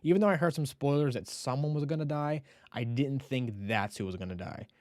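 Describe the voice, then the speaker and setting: A man's voice: medium pitch, brisk, dry recording. Man recapping a show in a dry close voice. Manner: animated storytelling, acting out characters' lines. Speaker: podcast host. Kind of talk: casual recap of a TV episode.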